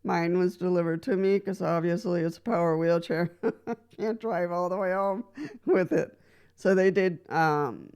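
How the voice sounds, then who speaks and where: In a casual explanatory vlog, a wheelchair user from Costa Rica gives the camera practical advice based on what she's lived through. Her voice is lowish with a darkish tone. She tends to laugh softly between points and restart her sentences with "so."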